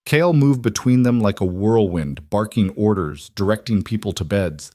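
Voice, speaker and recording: A man giving scripted story narration in an even, dramatic storytelling manner. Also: on the low side, moderate pace, no echo, studio quality.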